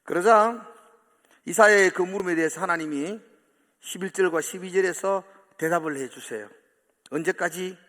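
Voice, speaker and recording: A man preaching a sermon as pastor, animated, acting out quoted voices with sudden swings from loud to soft. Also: sits high, moderate pace. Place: church sanctuary. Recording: long church hall reverb.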